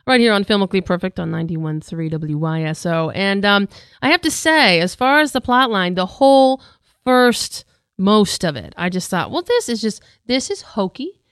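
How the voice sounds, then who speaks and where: A woman's voice: mid-range voice, animated, normal speed, fairly bright tone, clean tone, dry recording, studio quality. A woman hosting a casual radio film review, chatty and good-humored. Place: radio studio.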